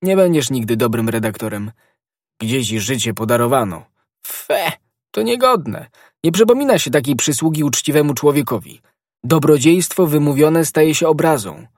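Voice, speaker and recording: A man's voice: a little high, expressive, moderate pace, no echo, studio quality, pitched above the performer's own voice. A man reading a grave, admonishing noble musketeer in a raised voice in an audiobook. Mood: stern. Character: proud stern nobleman musketeer, older friend.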